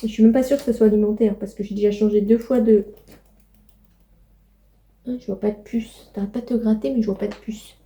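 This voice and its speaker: A woman's voice: mid-range voice, steady tone, a little fast, pauses often, mellow. A young woman chatting casually in a home vlog, rambling with many fillers and cooing to her pets. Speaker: vlogger.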